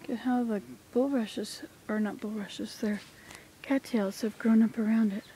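An older woman paddling a kayak on a small pond outdoors, talking softly and half-whispering to viewers in a relaxed nature vlog, recorded on a handheld camera at arm's length. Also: a little high, a little slow, slight background noise, poor audio. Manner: soft, musing, talks to the viewer while paddling. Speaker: vlogger. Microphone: handheld phone camera at arm's length.

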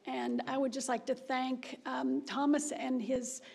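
A middle-aged woman chairs a city council meeting from a desk microphone in the council chamber, offering warm praise but restarting often. Her voice is high and gravelly, her delivery flat and a little slow.

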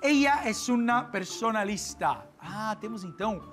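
An actor with a Brazilian Portuguese accent playing a cheerful, theatrical doctor who teaches languages to children on a scripted kids' TV show, drawing out words and calling playfully to the viewers. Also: male voice, high voice, over music. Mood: upbeat. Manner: animated, drawn-out words, playful calls to kids.

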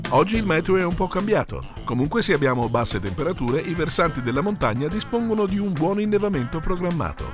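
A man narrates in a measured, informative voice-over. Clear music plays behind him throughout. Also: fairly high pitch, big pitch swings. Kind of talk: scripted documentary narration.

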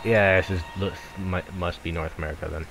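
A man's voice: sits low, steady tone, fairly quick, loud music behind the voice. A young man chatting during an online multiplayer strategy game, thinking aloud in a hesitant way with many fillers. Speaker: multiplayer gamer. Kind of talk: casual game chat. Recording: voice chat with clear background noise.

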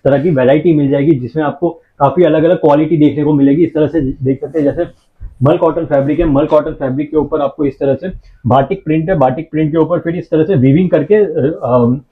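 A man showing fabrics in a shop, giving a steady sales pitch and repeating his phrases. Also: a little fast. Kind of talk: showing products on camera. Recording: tinny phone-like sound.

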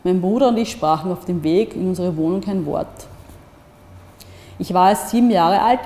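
A woman giving a calm, measured literary reading aloud at a public screening. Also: lowish voice. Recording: echoey hall with long reverb.

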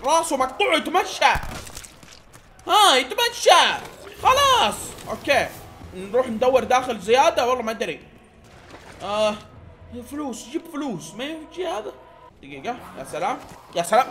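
A young man with a Hijazi Saudi accent, giving excitable play-by-play commentary to his viewers and breaking into shouts. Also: very high voice, brisk, a little hiss or hum. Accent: Saudi Hijazi Arabic. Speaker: gaming YouTuber. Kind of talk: live gameplay commentary.

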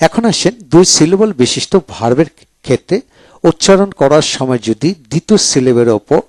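A man teaching English grammar, slowly repeating each verb form twice as a drill. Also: fairly high pitch, expressive, a little mellow, no echo. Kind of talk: slow explanatory lesson.

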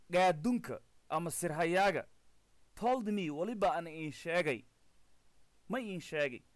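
A man with a Maay Somali accent teaching an English lesson. He reads the text aloud, then explains each word slowly and spells some of them out letter by letter. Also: on the high side, no echo. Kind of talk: recorded language lesson explaining and translating a text.

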